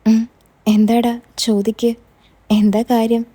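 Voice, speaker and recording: Woman doing a shy worried mom in a storybook reading, soft mellow voice, a bit high. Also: flat delivery, slow. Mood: gentle. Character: anxious middle-aged mother, shy and tearful.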